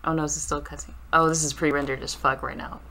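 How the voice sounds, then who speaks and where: Low-voiced giggly young woman gaming. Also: flat delivery, quick pace, heavy background noise. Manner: giggly, joking, swears casually. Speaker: let's play co-player. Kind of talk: casual gameplay commentary. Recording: game music clearly behind.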